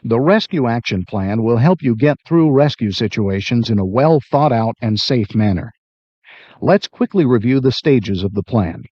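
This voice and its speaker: A man delivers measured training-video narration in a soft, mellow tone. The voice is dry and close, with very little room sound. The recording is dull and lo-fi, like worn videotape. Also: mid-range voice, lively intonation, no room sound. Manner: measured, instructional. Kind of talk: scripted instructional narration.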